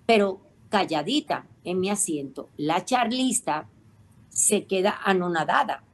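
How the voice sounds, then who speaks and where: Middle-aged woman, radio co-host, unhurried and emotive storyteller who acts out the voices of others. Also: fairly low pitch, expressive, a little hiss or hum. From Caribbean.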